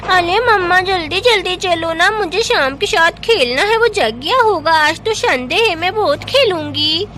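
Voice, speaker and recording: A woman voicing an excited, chatty little village girl in a doll story. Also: very high voice, unhurried, full character voice. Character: lively little village girl, eager and bossy.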